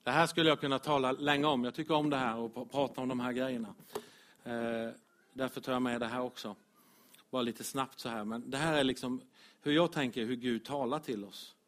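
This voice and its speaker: A man preaching a lively, direct sermon as pastor to his congregation. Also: medium pitch. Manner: animated, direct, addresses congregation, chuckles.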